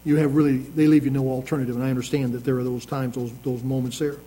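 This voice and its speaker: A man preaching a sermon as pastor, moving from slow, emphatic scripture readings to conversational asides with restarts. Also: mid-range voice, level tone, dark tone, low-quality recording.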